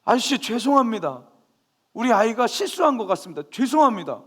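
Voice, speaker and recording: A man's voice: very high-pitched, big pitch swings, fairly quick, fairly bright tone, voice pushed up, exaggerated voice. A man playing a pleading, apologizing mother.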